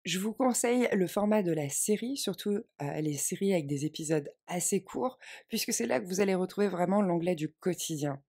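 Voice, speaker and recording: A woman teaching an online language lesson, speaking in a clear, measured, reassuring way and stressing key phrases. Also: lowish voice, expressive, darkish tone. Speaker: English teacher.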